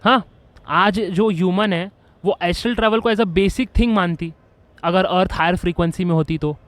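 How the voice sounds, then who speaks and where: A man hosting a video, explaining his ideas in an earnest, excitable way with lots of restarts and English phrases mixed in. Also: high-pitched, moderate pace, dry recording. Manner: excitable, with frequent restarts and fillers. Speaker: video host. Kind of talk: casual explainer monologue.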